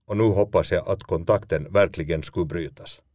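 A man's voice: deep voice, a little mellow, no room sound. A man, a stage actor, telling a first-person story in a dry, self-mocking way.

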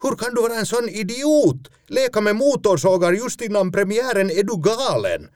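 A man voicing a brisk female theatre producer on the phone who fires off rapid questions and exclamations. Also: high voice, expressive, a little mellow, no room sound, clean studio sound, pitched above the performer's own voice. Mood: outraged.

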